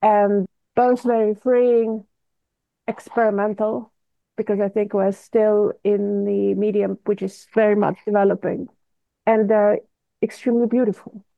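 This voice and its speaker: A woman's voice: medium pitch, level tone, gravelly, no room sound. Russian-accented woman on a tinny line. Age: 50s. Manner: measured, deliberate, searches for words. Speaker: guest artist. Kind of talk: interview answers. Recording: tinny phone-like line, dry.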